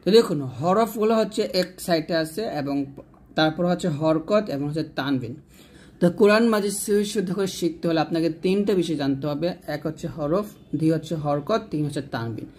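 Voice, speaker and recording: A man teaching Quran reading step by step, explaining quickly and then drilling each syllable slowly and clearly. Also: fairly high pitch, a little mellow. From Bangladesh. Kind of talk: step-by-step lesson.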